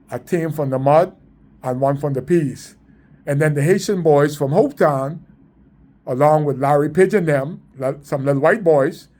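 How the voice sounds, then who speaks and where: A man's voice: a little high, darkish tone. Emphatic Bahamian man telling stories. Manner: emphatic, repetitive, preaching tone. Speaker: community sports organizer. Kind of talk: storytelling monologue.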